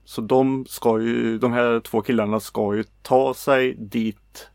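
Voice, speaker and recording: Gravelly-voiced Swedish man chatting casually. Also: mid-range voice, no room sound, studio quality. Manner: relaxed, hesitant with many fillers. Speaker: podcast co-host. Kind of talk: casual film chat.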